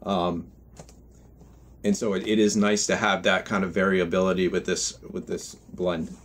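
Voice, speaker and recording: Low-voiced man giving a halting review. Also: little pitch movement, a little hiss or hum. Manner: halting, reflective, with trailing self-corrections. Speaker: pipe tobacco reviewer. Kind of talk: unscripted review monologue.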